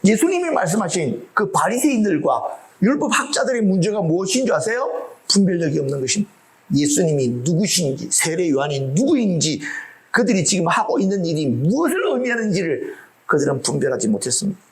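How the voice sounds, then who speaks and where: Middle-aged guy preaching, voice jumps all over, kinda high, jokey, keeps asking the crowd questions. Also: brisk. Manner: lively, humorous preaching with rhetorical questions. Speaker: pastor. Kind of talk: sermon.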